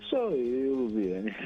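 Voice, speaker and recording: Husky Brazilian man on a crackly phone line. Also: medium pitch. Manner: cheerful and chatty, laughs often, reels off long lists of names. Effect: crackly phone line that keeps cutting out. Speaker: caller to a radio show. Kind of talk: casual chat and shout-outs on air. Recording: tinny phone line with faint music.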